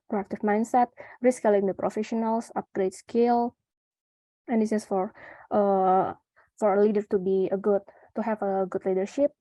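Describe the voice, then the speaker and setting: A woman's voice: mid-range voice, dark tone, no echo. A young woman from Indonesia with an Indonesian accent, presenting her research paper at a conference, with many fillers and restarts. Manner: halting, with frequent fillers and restarts.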